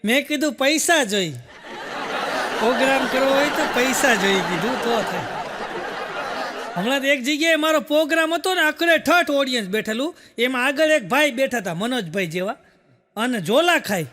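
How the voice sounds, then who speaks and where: With lively intonation and a moderate pace, a very high-voiced man tells folksy jokes on stage. Linking each story with "I said" and "he said," he plays to a live audience in a hall with long reverb.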